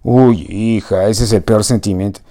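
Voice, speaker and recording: A man's voice: on the low side, steady tone, normal speed, warm tone, natural voice. A man voicing a blunt, earthy middle-aged mother who talks in plain colloquial speech in a storybook reading.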